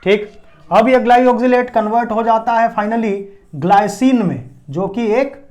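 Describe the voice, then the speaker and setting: A man's voice: very high voice, a little slow, darkish tone. A man teaching a biology lesson at a board, explaining step by step and asking and answering his own check questions. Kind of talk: classroom lecture at a board.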